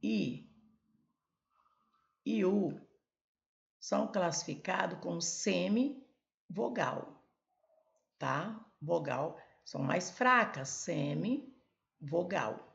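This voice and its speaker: A woman's voice: on the low side, animated, drawn-out words, gravelly, long pauses, a bit bright, dull audio. A woman teaching a Portuguese grammar lesson at a board, explaining step by step and pointing things out as she goes. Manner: explains step by step, many "olha" and "ó" prompts.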